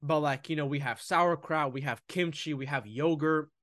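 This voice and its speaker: A young man with a somewhat high voice, talking about food and nutrition in a loose, animated podcast style. He sounds close and dry, as if no room is around him, and he sometimes slips into a mocking voice. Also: normal speed, dry recording. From United States. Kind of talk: casual podcast conversation.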